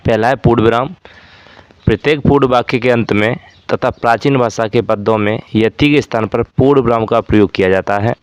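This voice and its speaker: A man's voice: medium pitch, brisk, clean tone, dry recording, highs cut off. A man teaching a Hindi grammar lesson for exam preparation, explaining step by step with repeated examples.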